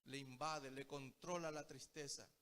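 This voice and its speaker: This Paraguayan preacher has a mid-range, steady, clean voice with a fairly bright tone, and he speaks at an unhurried pace. Delivering a Bible study sermon, he tells stories and repeatedly addresses his audience as brothers.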